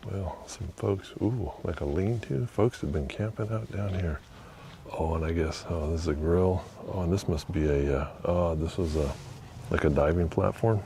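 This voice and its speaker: A man vlogging as he walks outdoors beside a river under an old bridge, musing quietly and thinking aloud with fillers. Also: low-pitched, normal speed, vocal fry, slight background noise. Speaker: vlogger exploring historic sites. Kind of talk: casual walking narration.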